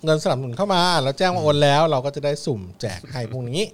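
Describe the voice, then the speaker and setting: A man co-hosting a live show in casual banter, informally pitching to viewers and often repeating his phrases. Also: racing. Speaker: co-host of a live news-comedy show.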